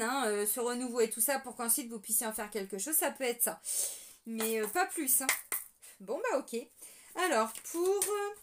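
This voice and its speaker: Woman doing a chatty tarot reading for her viewers, kinda high voice, lots of ums and restarts. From France. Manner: chatty, hesitant, many fillers, addresses viewers as friends. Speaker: tarot reader. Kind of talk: casual tarot reading to camera.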